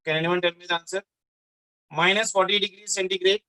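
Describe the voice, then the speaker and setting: A man's voice: high-pitched, steady tone, fast talker, pushed and bright, rough recording. A man with a South Indian accent teaches an interactive lesson as a teacher, repeating himself and often checking in with questions.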